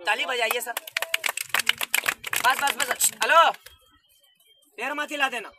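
A young man performing as a street magician, barking patter loudly at a gathered crowd outdoors. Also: very high-pitched, a little fast, heavy background noise. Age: young adult.

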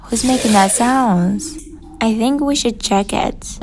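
A woman's voice: a little high, slow. A woman streamer commenting on a horror game in a scared, nervous manner. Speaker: gaming streamer. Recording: music behind the voice.

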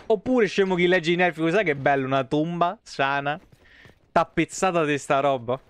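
A man's voice: fairly high pitch, normal speed, clean tone, no room sound. A man with an Italian accent giving casual, sarcastic live commentary on a game he is playing, swearing freely and talking back at the characters. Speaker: gaming streamer.

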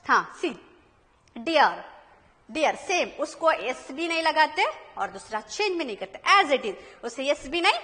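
Indian lady teacher, high bouncy voice, takes it slow, spells stuff out, long reverb on it. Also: very animated, pushed and bright. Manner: explains slowly, repeats words, spells letter by letter, asks children questions. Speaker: primary school English teacher. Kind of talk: classroom lesson in Hindi-Urdu and English.

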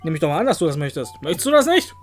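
Jokey let's-play host with a high voice. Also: male voice, very animated, racing, faint music behind. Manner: jokey, talks to the game characters, puts on silly exclamations. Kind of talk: playful gameplay commentary.

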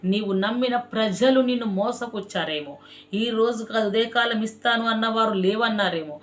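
Woman preaching with emphatic drawn-out chants. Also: medium pitch. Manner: slow emphatic chanting of scripture phrases, swelling then dropping soft; repetitive exhorting address to the listener. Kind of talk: sermon.

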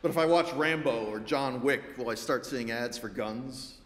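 A man delivers a sermon from a church sanctuary, speaking in a steady middle register. His tone is measured and reflective, broken by wry, dry asides. The sound is roomy, with a long reverb hanging in the hall. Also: mid-range voice. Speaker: pastor.

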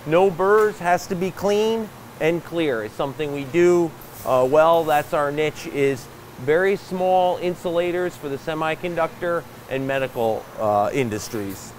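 A man's voice: on the high side, unhurried, slight background noise. A man in his fifties, a shop owner, giving a plain-spoken guided tour of his machine shop floor with a lapel mic and frequent fillers. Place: large bright machine shop floor, indoors.

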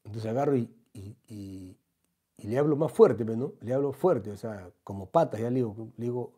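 A man comedian with a Peruvian accent, telling a comic anecdote in a slangy, animated way. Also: mid-range voice, normal speed, slightly rough. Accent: Peruvian Spanish. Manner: slangy, animated, acts out the voices.

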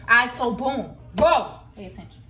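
A woman's voice: on the high side, lively intonation, moderate pace, a crowd in the background. A young woman making a casual cooking vlog in her home kitchen, filming on a phone and bossing and teasing the kid helping her in a slangy way. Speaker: vlogger. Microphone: phone camera. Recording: echoey kitchen with clear noise.

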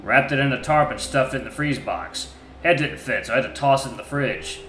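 A man's voice: mid-range voice, a little fast, a bit bright, a little hiss or hum, natural voice. A man voicing a crude, ill-tempered male wolf being questioned, with blunt, clipped answers full of swearing. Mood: grumbling. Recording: echoey room with faint music.

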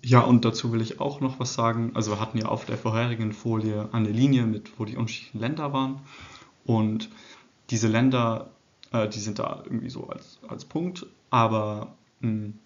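It's a recorded slide talk from an indoor room, delivered by a young English man whose many fillers and restarts make him sound unsure. He has a fairly low pitch, and the audio's highs are cut off.

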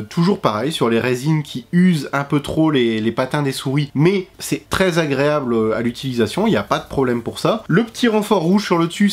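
A man's voice: mid-range voice, slightly rough. A man giving a casual product review, chatting straight to his viewers with emphatic rises. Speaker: tech reviewer.

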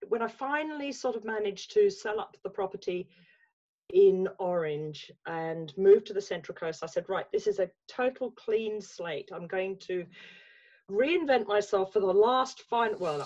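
Her medium-pitched, slightly mellow voice comes through lo-fi over a laptop webcam mic at normal speed. A life coach from England in her sixties, with an English accent, she guests reflectively on a casual video-call interview from her bookshelf-lined home room, with many restarts.

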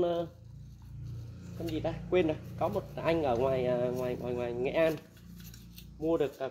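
A man's voice: a little high, warm tone. Male, candid used-machinery dealer; blunt, casual advice talk. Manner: blunt, candid, laughs often, acts out quoted dialogue.

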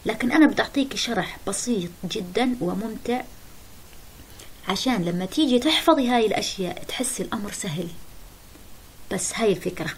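Fast-talking woman teacher, slips english terms in, faint hiss on the recording. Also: mid-range voice, expressive, rough recording. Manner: brisk, explanatory, mixes English terms into Arabic. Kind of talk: exam-prep lesson.

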